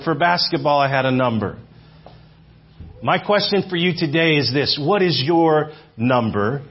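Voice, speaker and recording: His voice is a little high with a breathy edge: a man in his fifties preaching to a church, keeping it conversational, repeating phrases, and asking the audience questions. The sermon is recorded in dull, lo-fi sound.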